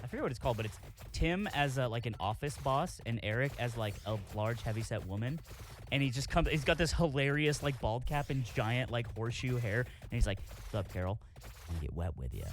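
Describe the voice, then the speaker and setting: A man's voice: mid-range voice, fairly quick, slight background noise. A man in casual group chat, throwing out crude jokes and banter.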